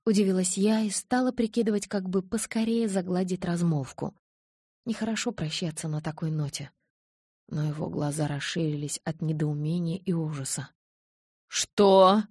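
A woman narrating a novel in the first person, expressive and lively. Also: lowish voice, moderate pace, breathy edge, dry recording, clean studio sound. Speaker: audiobook narrator.

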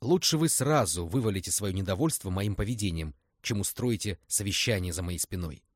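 A man's voice: deep voice, expressive, a little fast, dry recording, studio quality. A man doing a fiery young witch. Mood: angry.

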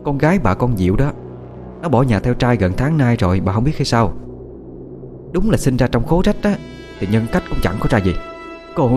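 A man's voice: mid-range voice, lively intonation, moderate pace, long pauses, over music, lightly acted. A man voicing an arrogant, mocking young wife in a ghost story. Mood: sneering. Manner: mocking, haughty.

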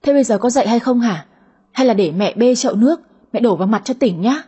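A woman's voice: fairly high pitch, lively intonation, quick pace, warm tone, husky, dull audio. A woman voicing a nagging, fussing middle-aged mother in an audio story. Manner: nagging, complaining.

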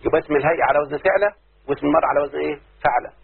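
An Egyptian sheikh teaches grammar to his class, raising questions and waiting for the students to answer back. His voice sits fairly high and carries a gravelly, very husky grain. The sound is thin and phone-like. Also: racing. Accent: Egyptian Arabic. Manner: quizzes students constantly, patient and repetitive. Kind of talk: classroom lesson with call-and-response questions. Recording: tinny phone-like low-fidelity recording.

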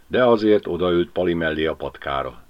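A man's voice: deep voice, animated. A man narrating a novel as an audiobook, reading expressively. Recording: lo-fi home audiobook recording.

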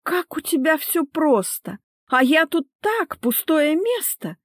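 Woman reading a petulant young wife; high, indignant whining, sharp and pushy. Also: animated, a little slow, no room sound, studio quality. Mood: indignant whiny. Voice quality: high-pitched, whiny, indignant. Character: petulant spoiled young wife, shrill and whiny. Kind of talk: audiobook character reading.

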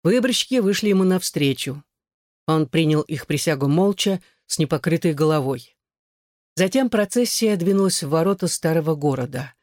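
A man reading a literary novel aloud in the first person, measured and solemn. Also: a little high, expressive, a little mellow, no room sound, clean studio sound. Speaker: audiobook reader.

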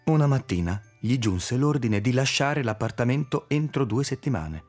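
A man narrating a literary audiobook in a measured, expressive reading. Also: medium pitch, breathy edge, faint music behind. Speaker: audiobook reader.

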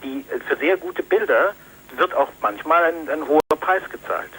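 Over a tinny phone line with faint noise, a magazine editor answers interview questions firmly and defensively, often hesitating with ums. His voice is fairly high, expressive, sharp and slightly rough, at a moderate pace.

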